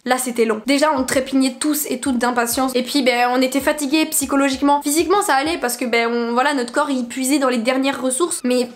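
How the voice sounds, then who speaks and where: A young woman giving casual vlog advice, chatty and animated, telling stories with laughs and exaggeration. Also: high voice, brisk, few pauses. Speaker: vlogger.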